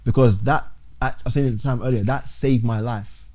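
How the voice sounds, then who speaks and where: A young man, a podcast guest talking casually and haltingly, restarting his sentences often. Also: mid-range voice, steady tone, a little mellow. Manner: halting, restarts often, calls the host bro. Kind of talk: casual interview talk.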